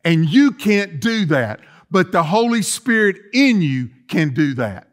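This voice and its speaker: A man's voice: sits high, very animated, measured pace. A middle-aged man preaching a sermon as pastor, emphatic and full of rhetorical questions and repetition, recorded in a church sanctuary. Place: church sanctuary, empty chairs.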